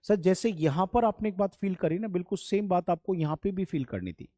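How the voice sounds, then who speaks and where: A man's voice: high voice, a little fast, warm tone, dry recording, clean studio sound. A man teaching an English grammar lesson, patient and repeating key points while addressing his students as children, with an Indian accent. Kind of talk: classroom-style grammar lesson.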